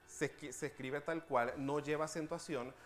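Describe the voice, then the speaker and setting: A man hosting a TV language segment, patiently explaining spelling rules and slowing down to spell out examples. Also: a little high, steady tone, soft background music.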